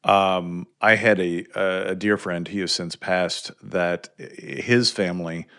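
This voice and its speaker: A man hosting a podcast and chatting with a guest in a relaxed, self-deprecating, conversational way. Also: low voice, slow, creaky. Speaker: podcast host. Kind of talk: casual interview chat.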